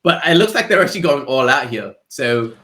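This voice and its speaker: A man co-hosting a podcast in casual, energetic chat, full of slang and quick laughs. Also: medium pitch. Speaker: podcast co-host.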